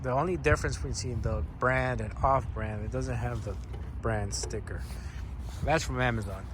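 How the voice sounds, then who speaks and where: A man's voice: mid-range voice, normal speed, background noise. A man talking casually to viewers in a laid-back, slangy way, as a motorcycle vlogger explaining things. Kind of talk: casual vlog talk, explaining bike modifications.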